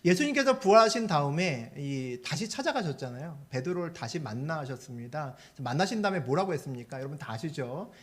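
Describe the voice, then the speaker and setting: Animated male pastor preaching. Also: a little high, a little fast, hardly any pauses. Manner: animated storytelling, asks the congregation questions. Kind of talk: sermon.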